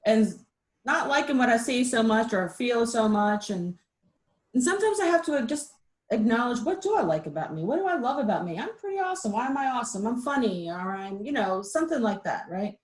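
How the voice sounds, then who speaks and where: Over a video call, a middle-aged woman delivers a breezy, conversational webinar with animated, self-mocking humor. Her voice is a little high and her delivery brisk.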